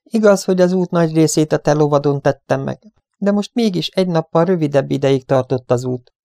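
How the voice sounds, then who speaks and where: A man's voice: medium pitch, animated, dark tone, dry recording, clean studio sound, pitched above the performer's own voice, lightly acted. A man voicing a cheerful young woman from a western storybook, with a teasing, laughing manner.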